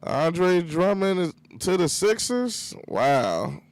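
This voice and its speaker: A man's voice: high-pitched, sing-song, takes it slowly, no echo. A man hosting a livestream, telling a rambling, profane story in casual chat with lots of fillers, close to the mic. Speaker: livestream host.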